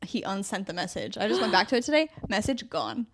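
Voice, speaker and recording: A woman's voice: mid-range voice, sing-song, fast, over a noisy crowd. A young adult woman co-hosting a podcast, telling stories in rambling casual chat, often laughing and correcting herself. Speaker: podcast co-host.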